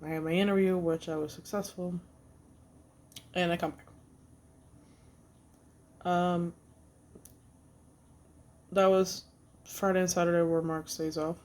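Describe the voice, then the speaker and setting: A woman recounts a personal story for her vlog in an unpolished, halting way, trailing off and restarting often. Her voice carries a gravelly, creaky edge, and she swears freely and bluntly. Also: sits low, little pitch movement, darkish tone. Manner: halting, with many fillers and restarts. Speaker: vlogger.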